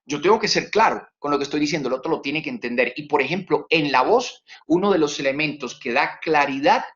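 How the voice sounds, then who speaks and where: A man giving a webinar lecture on communication, talking in an animated way that swings his voice high and low to demonstrate tone and repeats words for emphasis. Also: brisk, highs cut off. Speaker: communication trainer.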